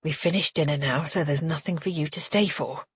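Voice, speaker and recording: A woman's voice: low-pitched, fairly quick, fairly bright tone, slightly rough, full character voice. A woman voicing a tense grown-up son who answers his father in clipped, curt lines.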